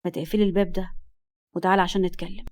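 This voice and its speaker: A woman with an Egyptian Arabic accent voices a smug, arrogant rich man in his thirties who speaks in a cold, condescending, slyly polite way. Her natural voice is fairly low and darkish, delivered flatly and at a racing pace.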